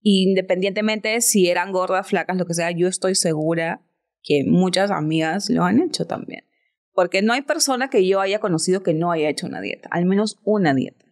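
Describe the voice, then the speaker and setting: A woman's voice: fairly low pitch, normal speed. A woman, a podcast guest telling a personal story in an earnest, reflective way. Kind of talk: casual chat.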